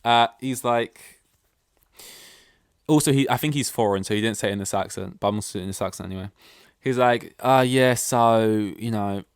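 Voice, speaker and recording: A young man chats alone into his mic at home, rambling along and tossing in the odd swear word. His voice sits low and smooth, recorded close and dry. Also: fairly quick, long pauses, no echo. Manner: rambling, offhand, swears casually. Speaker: podcast host. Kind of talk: rambling solo podcast chat. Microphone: desk mic, plugged in.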